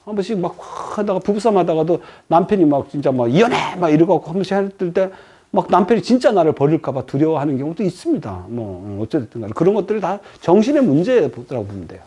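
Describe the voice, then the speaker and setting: A middle-aged man giving a professor's lecture to a class, animated, asking the room questions and acting out little quoted voices. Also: a little high, fast talker, breathy edge.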